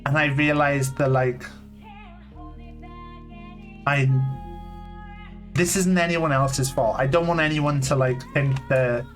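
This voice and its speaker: A man in his late thirties streaming live from a home setup. He talks casually and candidly, restarting sentences often and filling pauses with "like.". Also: medium pitch, fairly even intonation. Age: 30s. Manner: halting, candid, full of "like" fillers and restarts. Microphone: desk mic on a long cable. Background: faint lo-fi music playing.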